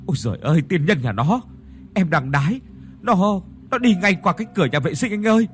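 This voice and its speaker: A man's voice: high-pitched, very animated, brisk, slight background noise, voice pushed up. A man voicing a panicked young man who stammers and pleads in a ghost story.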